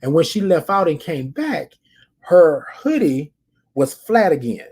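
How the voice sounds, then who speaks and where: A slightly high, darkish voice with a breathy edge and big pitch swings marks this unhurried American podcast host. He speaks directly to his audience in a chatty check-in, telling stories and repeating phrases for emphasis.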